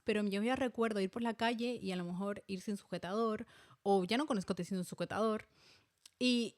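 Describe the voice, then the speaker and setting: A woman's voice: a little high, darkish tone, no room sound, studio quality. A woman in her thirties from Spain, talking candidly and reflectively as a podcast host, with many fillers and restarts. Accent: Spanish from Spain. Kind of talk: personal reflective monologue.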